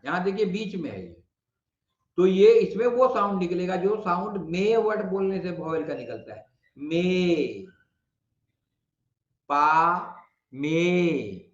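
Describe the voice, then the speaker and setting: A man with a Bihari Hindi accent teaching a shorthand lesson, patiently repeating vowel sounds and explaining slowly. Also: sits high, fairly bright tone. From India. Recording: muffled, echoey room.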